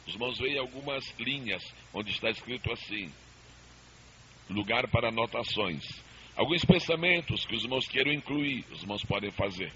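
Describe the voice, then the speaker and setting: A man's voice: mid-range voice, sharp tone. A male pastor teaching a Bible seminar, emphatic and calling for amens, heard from a worn old tape copy. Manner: emphatic, calls for amens and repeated answers. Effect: worn old tape copy with hiss. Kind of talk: preaching Bible study to a congregation. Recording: muffled hissy old cassette tape.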